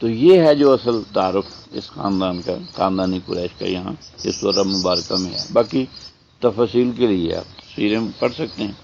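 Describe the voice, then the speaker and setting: A man teaching a tajweed lesson. He explains step by step, asks and answers his own questions, and draws out the recited words slowly. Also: deep voice, gravelly, darkish tone, highs cut off, slight background noise. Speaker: Quran teacher.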